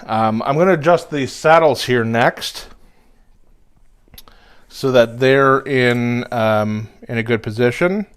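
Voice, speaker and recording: Relaxed man talking through guitar repairs. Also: mid-range voice, slow pace, clear, resonant tone. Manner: relaxed, talks while working, filler-heavy. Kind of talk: casual workshop narration.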